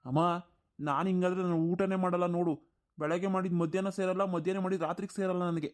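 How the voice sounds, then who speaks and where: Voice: mid-range voice, fairly even intonation, fast, close to an everyday voice. A performer doing a whiny, lazy grown son. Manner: whiny, complaining. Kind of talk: cartoon voice acting.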